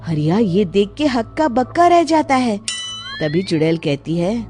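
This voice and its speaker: A woman's voice: medium pitch, very animated, a little slow, music in the background. A woman narrating a scripted story as its storyteller.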